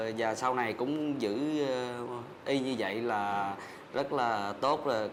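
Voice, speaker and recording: A man, a son and husband on a talk show, speaking haltingly with many fillers. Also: mid-range voice, slight background noise. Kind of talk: casual talk show chat.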